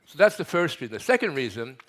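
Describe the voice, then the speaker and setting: An older man from Hungary speaking at a conference lectern on a headset mic, emphatic, building lists with pauses. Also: a little high, sing-song, fairly bright tone. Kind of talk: welcome speech at a conference.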